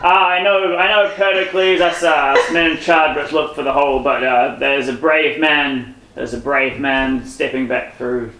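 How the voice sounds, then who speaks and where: A man's voice: on the high side, level tone, normal speed, hardly any pauses, bright, forceful tone, roomy sound, low-quality recording. A man voicing a stern, authoritarian male military commander who speaks in a challenging, menacing way.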